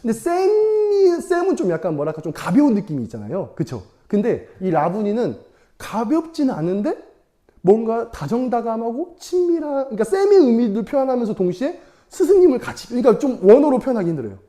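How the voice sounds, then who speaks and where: A man's voice: very high voice, big pitch swings, fairly quick, mellow. A young man preaching to children in a casual storytelling sermon, chatty and playful, laughing often and asking the audience questions.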